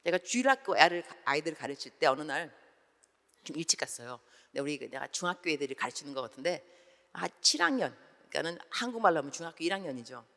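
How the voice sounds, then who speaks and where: 재미교포 여성 선교사가 큰 예배당에서 설교한다. 억양이 크게 오르내리며 활기차게 이야기를 이어가고, 인물들의 대사를 직접 연기해 들려준다. 소리가 넓은 공간에 길게 울린다. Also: female voice, deep voice, fast talker, creaky. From United States. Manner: animated storytelling, acts out dialogue. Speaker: missionary preacher. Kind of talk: sermon. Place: large church sanctuary. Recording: long church hall reverb.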